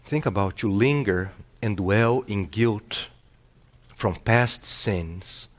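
A man preaching a sermon as pastor. He swings from hushed, near-whispered lines to loud, rising passages and repeats phrases for emphasis. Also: lowish voice, takes it slowly.

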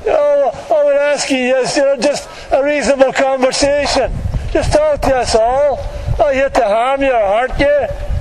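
A man's voice: extremely high pitch, fairly even intonation, normal speed, a little mellow, poor audio. A man preaching in the open air to passers-by, exhorting them in a colloquial, repetitive way. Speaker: street preacher. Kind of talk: open-air evangelistic sermon, addressing passers-by. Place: outdoors in a public street. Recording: outdoor street recording with faint traffic noise.

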